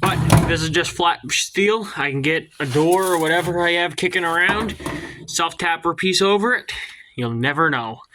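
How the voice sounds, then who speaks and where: In a very noisy recording, a garage vlogger with a voice on the high side talks at a moderate pace as he works in his home garage. His casual narration rambles, hesitates with lots of ums, and he's occasionally out of breath.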